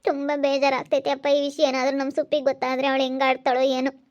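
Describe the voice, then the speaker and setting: A woman's voice: sits high, completely flat delivery, fast, a little mellow, lightly acted. An actress playing a tearful, grieving mother who laments over her daughter. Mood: lamenting. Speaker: mother of the young woman. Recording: dull lo-fi sound.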